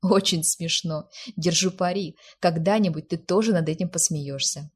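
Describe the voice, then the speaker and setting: A sharp-witted young man, teasing and easily exasperated, as a woman reads him. His lines come low and heavily breathy in a storybook reading. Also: moderate pace. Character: amused, mocking young man, sharp friend.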